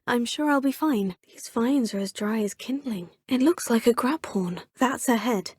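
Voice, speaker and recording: A curious, polite young witch student, the player character in video game voice clips, speaks in formal, polished phrasing with a slightly high, softly breathy voice. She sounds polite and curious at normal speed, recorded on a close studio mic that's dry with no room sound or echo.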